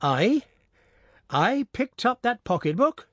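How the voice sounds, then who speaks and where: An old peasant man with a high, cracking voice, as a male reader acts him out, protesting and indignant in a storybook reading. His words jump up sharply in pitch as he defends himself. The recording is dry and close. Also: sing-song, measured pace, dry recording, full character voice. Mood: alarmed. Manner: agitated, protesting.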